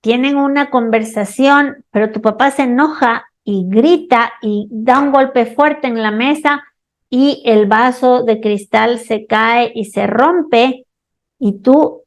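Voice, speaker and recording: A woman hosting a radio show as a holistic therapist, speaking calmly and slowly, asking the listener questions. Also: a little high. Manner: calm, slow, addresses listener directly with questions. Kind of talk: scripted radio talk with examples.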